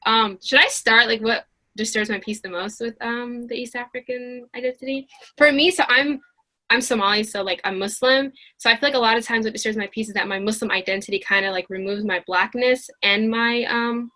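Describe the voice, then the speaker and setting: A woman's voice: fairly high pitch, a little fast. A woman in her twenties co-hosting a casual podcast, talking candidly and animatedly with lots of "like". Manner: animated, candid, heavy on filler "like". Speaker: podcast co-host.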